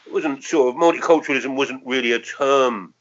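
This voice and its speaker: In an oral history interview, a man in his sixties from London, England recalls the past with a London accent, speaking reflectively and hesitantly and frequently returning to qualify his words. His medium-pitched delivery is brisk, and the recording sounds muffled.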